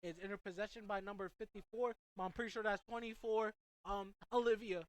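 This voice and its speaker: A teenage high school student doing excitable play-by-play commentary at a soccer game, rambling into asides for his listeners and out of breath. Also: fairly quick, no echo. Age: teens.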